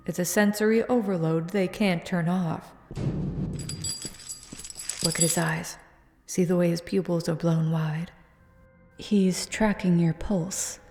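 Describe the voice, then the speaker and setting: In an audio roleplay, a woman plays a hardened female vampire hunter ordering a rookie around, her voice low, commanding, and teasing, often dropping to a hush. There is no room sound, only a faint ambient soundscape in the background.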